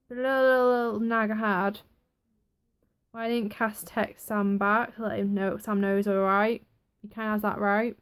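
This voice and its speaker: A young woman giving a chatty, excitable casual review of a TV episode. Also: mid-range voice, smooth. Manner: chatty, excitable, acts out quotes.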